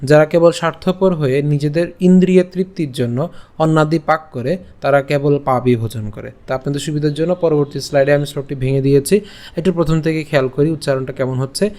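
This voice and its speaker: A man's voice: on the high side, fairly quick, darkish tone. A young man teaching Sanskrit pronunciation in an online lesson, breaking each word into syllables and asking the class rhetorical questions. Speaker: Gita recitation teacher.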